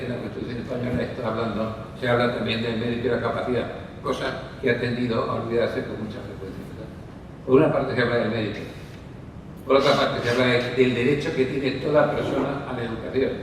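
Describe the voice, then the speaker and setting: A man's voice: mid-range voice, a bit bright. A man giving a discursive conference talk on a panel, with many fillers and asides. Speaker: panel speaker. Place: conference hall. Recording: distant mic in echoey hall with noise.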